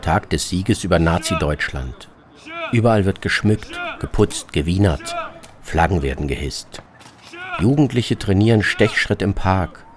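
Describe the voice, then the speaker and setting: This radio travel narrator is a man with a low, expressive voice, speaking a little slowly with a crowd audible behind him. He reads his scripted first-person lines in clipped fragments, with music playing under the voice.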